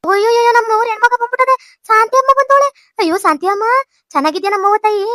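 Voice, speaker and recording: A woman plays a chattering old grandmother from a village in a cartoon, fussing and gushing with a North Karnataka Kannada accent. The voice is very high and bright, rattling along fast, and the recording is dry and close. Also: fairly even intonation, no echo. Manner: fussy, gushing, lots of sighs. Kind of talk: cartoon voice acting.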